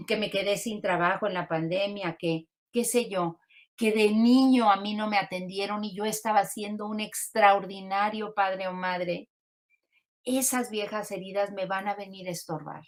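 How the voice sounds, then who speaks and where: A woman grief counselor giving a calm, reflective teaching talk on grief, often asking rhetorical questions. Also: mid-range voice, a little slow.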